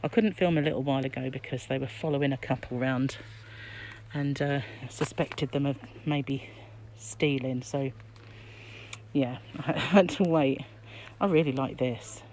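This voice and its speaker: A crochet vlogger, middle-aged and British, speaks in a very deep, darkish, unhurried voice that her face mask muffles. She muses aloud in casual, chatty commentary while shopping in an aisle. The handheld phone she films with from behind the camera also catches background noise and the shop's ambience.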